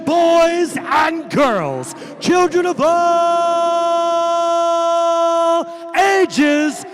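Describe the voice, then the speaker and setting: A man working as a live ring announcer in a showman-like ringmaster style, with booming shouts and drawn-out words. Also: lively intonation, loud music behind the voice. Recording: loud crowd behind, live event. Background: crowd noise.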